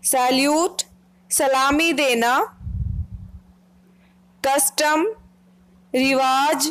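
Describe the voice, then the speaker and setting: A woman giving a vocabulary lesson, reading each word and its meaning one by one with clear pronunciation. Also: high-pitched, fairly even intonation, drawn-out words, fairly bright tone, low-quality recording. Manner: reads word pairs one by one, clearly pronounced. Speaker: English vocabulary teacher.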